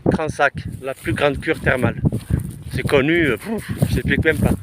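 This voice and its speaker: A man's voice: medium pitch, normal speed. A man from the Aveyron, chatting loosely and casually to the viewer while out hiking on a rural hillside. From Aveyron, France. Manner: chatty, loose, slangy, talks straight to the viewer. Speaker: vlogger. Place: outdoors on a windy rural hillside. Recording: loud wind noise on the mic outdoors.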